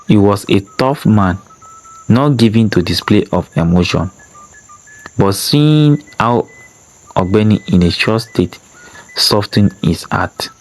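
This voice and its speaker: Man reading a sad story out loud, slow and dramatic, lowish voice. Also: expressive, rough recording. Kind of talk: scripted story narration.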